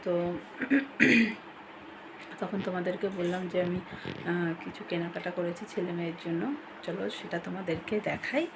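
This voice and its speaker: A woman chatting casually to her viewers while cooking at home, keeping her voice low so her sleeping son is not woken. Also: steady tone, a little slow, pauses often. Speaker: home vlogger and mother. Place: home kitchen with a tin roof during rain. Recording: noisy home recording with rain on a tin roof.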